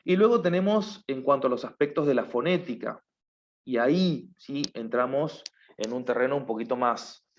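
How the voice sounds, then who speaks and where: A man's voice: mid-range voice, moderate pace, muffled recording, slight background noise. A man teaching a class, explaining patiently and often stopping to check that his students follow. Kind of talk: online class lecture.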